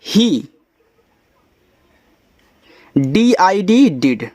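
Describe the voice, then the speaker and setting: Slow, patient man teaching English. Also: sits high, sing-song, darkish tone, dry recording. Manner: slow, patient letter-by-letter spelling with Hindi explanations. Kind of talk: spelling out and reading a story word by word.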